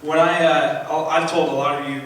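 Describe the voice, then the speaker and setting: Man, testimony in church, rambling with fillers, higher voice, distant echoey pickup, faint hiss. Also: flat delivery, normal speed. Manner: rambling, many fillers and restarts. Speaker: church member giving testimony. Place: church sanctuary.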